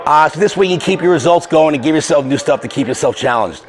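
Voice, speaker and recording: Winded fitness coach, fairly high voice. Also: male voice, fast. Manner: energetic, conversational, with filler restarts. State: out of breath. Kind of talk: casual exercise tutorial.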